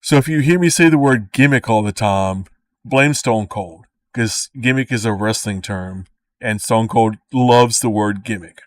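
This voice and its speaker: A man's voice: lowish voice, a little slow, no room sound. Rambling Cajun man, dry, mic a bit far. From Louisiana. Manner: laughing asides, swears often, repeats himself. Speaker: creator reacting to his own old video. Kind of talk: rambling, profane casual commentary.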